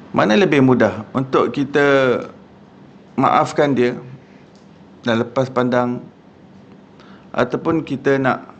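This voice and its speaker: A man with a Malaysian accent giving a religious lecture in a mosque hall, telling stories in a lively, conversational way with frequent "ha" and "ya". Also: mid-range voice, lo-fi sound, a little hiss or hum. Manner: animated, conversational with frequent "ha" and "ya" fillers.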